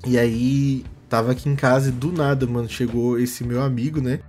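A man's voice: medium pitch, flat delivery, moderate pace, darkish tone, soft background music. A young man from Brazil, telling a long personal story in a rambling, casual way on a podcast. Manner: rambling, fillers like "mano" and "tá ligado". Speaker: podcast co-host.

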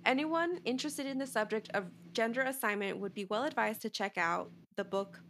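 Relaxed woman reading reviews aloud. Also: a little high, a little fast, a little hiss or hum. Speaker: podcast co-host.

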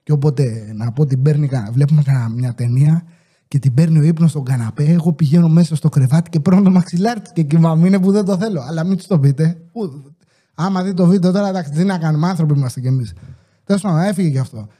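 High mellow voice, rambling comic man. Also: slightly rough. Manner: rambling, swears freely; acts out quoted voices mid-story. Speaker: podcast host. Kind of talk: casual comic storytelling.

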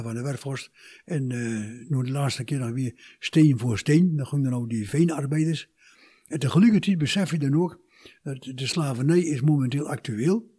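An older man with a Twente Dutch accent, talking in a conversational interview and haltingly repeating words as he searches for phrasing. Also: on the high side, dark tone, slightly rough.

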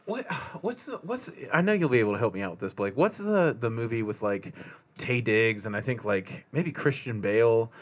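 A man's voice: mid-range voice, normal speed. A man joking and cursing freely while chatting about a movie on a podcast. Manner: joking, profane, animated. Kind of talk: casual movie discussion.

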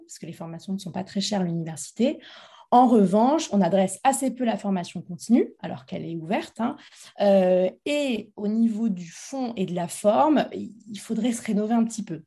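A woman's voice: mid-range voice, expressive, moderate pace, warm tone, slightly rough. A woman interviewed as founder of a training institute, talking with many fillers and restarts. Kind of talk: interview conversation. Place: Montpellier, France.

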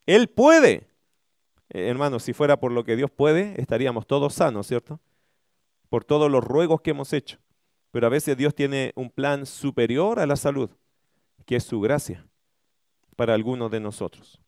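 A man preaching a sermon as a pastor, rising to loud emphatic peaks and dropping to hushed prayerful lows, calling the listener "brother" again and again. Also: animated, moderate pace, pauses often, no echo, studio quality. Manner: addresses the listener as hermano again and again.

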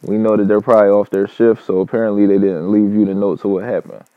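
A fairly low-pitched man spins a casual personal story about life as a truck driver, loose and full of cursing and fillers. The recording is dull and lo-fi, with a dry, close sound and no room echo. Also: level tone, fast. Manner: loose, profanity-heavy, filler-laden talk.

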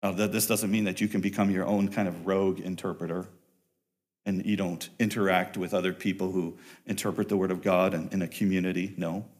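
Man preaching earnestly, loud then hushed. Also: little pitch movement, a little fast. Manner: earnest preaching, swings between loud emphatic peaks and quiet low passages; repeats and restarts phrases while building a point. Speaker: pastor. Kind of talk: sermon.

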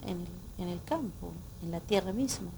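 A woman's voice: fairly low pitch, expressive, moderate pace, gravelly, mellow, slight background noise. A woman, a guest singer in a radio interview, explaining in a reflective way and often checking in with the listener. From Chile. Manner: explanatory, reflective, frequent "¿no?" tags.

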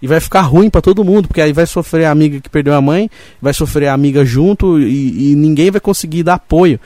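Fast-talking candid podcast host. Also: male voice, fairly high pitch, mellow, no room sound. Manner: rambling, candid, swears casually. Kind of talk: casual podcast talk.

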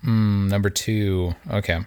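Very deep-voiced laid-back man. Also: steady tone, darkish tone, smooth. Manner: laid-back, halting with many fillers. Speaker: podcast co-host. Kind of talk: casual chat.

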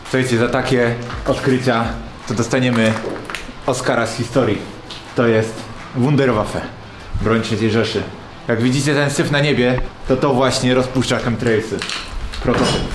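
A man's voice: mid-range voice, steady tone, normal speed, long pauses, background noise, pitched below the performer's own voice, natural voice. A man playing a solemn, self-serious urban explorer with artistic pretensions, as if interviewed for a parody documentary. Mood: self-important. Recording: roomy echo, loud music behind.

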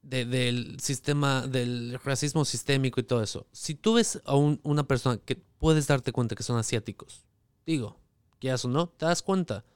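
A man in a casual political discussion with a smooth, resonant voice at an ordinary pitch. He explains his points at length and chimes in to agree. The recording is dry and close. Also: moderate pace, dry recording.

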